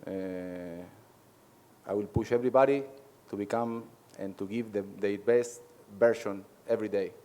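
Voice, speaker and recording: A head coach from Argentina handles a press session in halting English, pausing a lot, as a native Spanish speaker. He sounds warm and steady in a lowish voice.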